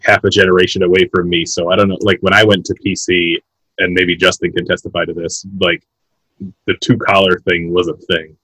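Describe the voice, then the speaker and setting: A man's voice: low voice, little pitch movement, a little fast, pushed and bright, breathy edge, no room sound, low-quality recording. A man in his late thirties chatting on a podcast, hesitant and full of restarts. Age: 30s. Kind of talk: casual chat.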